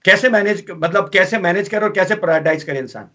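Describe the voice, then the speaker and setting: A man's voice: high voice, quick pace, sharp tone, highs cut off. A man from Pakistan hosting an interview, affirming his guests often and asking long questions with hesitant fillers. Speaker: interviewer host.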